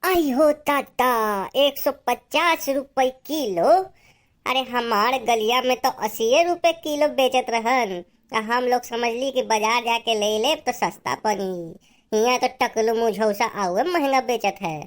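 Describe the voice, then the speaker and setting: Woman doing a shrill bossy elder sister with an Awadhi accent. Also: unhurried, close to an everyday voice. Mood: scolding. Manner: shrill, scolding haggler. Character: bossy elder village sister, haggling schemer. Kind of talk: cartoon voice acting.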